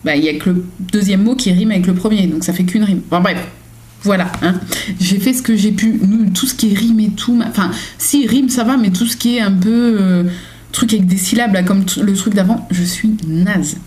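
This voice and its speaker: A woman's voice: medium pitch, normal speed, a little mellow. A young woman chatting casually on her home vlog, reading daily journal questions and answering them with lots of fillers and self-mocking asides. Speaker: vlogger.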